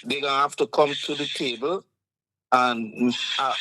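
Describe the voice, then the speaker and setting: A man's voice: mid-range voice, fairly even intonation, a little slow, pushed and bright, no echo, low-quality recording. A man with a Guyanese Creole accent co-hosting a casual chat, earnestly explaining points with examples. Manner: earnest, explaining with examples, frequent "you understand". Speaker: co-host.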